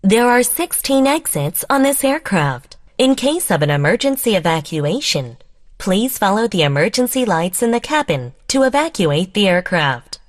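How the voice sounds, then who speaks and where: A woman reading a scripted plane cabin safety announcement in a formal, measured way, as a flight attendant. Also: mid-range voice, sing-song.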